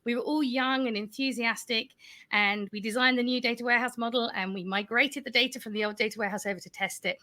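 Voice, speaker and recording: A woman, a panel guest on a video call, telling a lively, self-deprecating career story and laughing as she talks. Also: a little high, fast talker.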